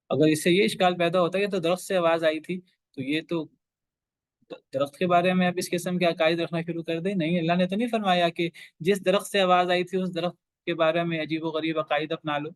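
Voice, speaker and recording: A man's voice: a little high, steady tone, no room sound. A man teaching a class on scripture, pressing his points with repeated rhetorical questions and restated phrases. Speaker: Quran teacher. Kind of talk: religious lecture to a class.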